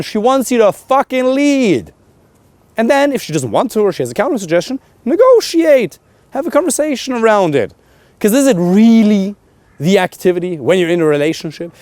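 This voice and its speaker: A man in his thirties coaching men on dating, blunt and animated, swearing casually and pushing hard on his key points. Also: no echo. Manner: animated and emphatic, swings loud and high on key points. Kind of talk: coaching monologue to camera.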